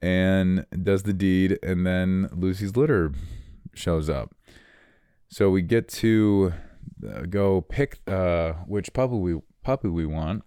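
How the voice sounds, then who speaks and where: A young American man talking in an unscripted, reflective monologue, rambling and halting as he repeats his words. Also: deep voice, warm tone, clean tone, no echo, clean studio sound.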